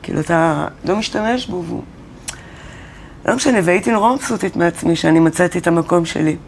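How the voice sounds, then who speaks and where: Woman spinning a lively story, acts out the voices, faint room hiss behind. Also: on the low side. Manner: animated storyteller who acts out quoted dialogue. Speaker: interviewed singer-songwriter. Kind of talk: storytelling in a casual interview. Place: college studio or classroom.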